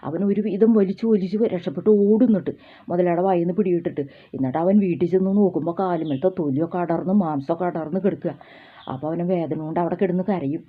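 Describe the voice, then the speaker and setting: Fast-telling woman, tinny. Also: lowish voice, husky. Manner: homely, repetitive, with many fillers and restarts. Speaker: storyteller. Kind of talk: oral folk-tale telling. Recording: tinny phone-like sound.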